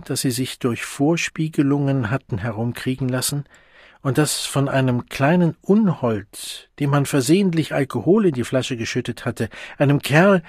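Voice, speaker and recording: A man reading a novel aloud as audiobook narrator, steady and measured. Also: medium pitch, husky, dry recording, clean studio sound. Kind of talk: scripted narration.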